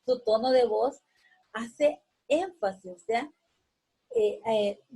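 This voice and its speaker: A woman with a fairly high, dark, husky voice, captured on a low-quality recording. She is a teacher patiently walking through a lesson with everyday examples, and she keeps tagging her sentences with a questioning check and frequent hesitation fillers.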